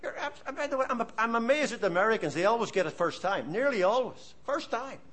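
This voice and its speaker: The voice is extremely high and the pace quick as this man from Ireland, in his seventies, preaches. He's animated and storytelling, earnestly exhorting those listening.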